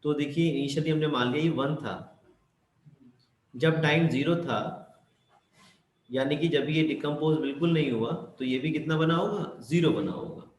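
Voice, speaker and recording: A man explains chemistry in Hindi sprinkled with English terms, posing questions to his students and then answering them himself. His voice is fairly high and his pace normal. The room is echoey with faint ambience.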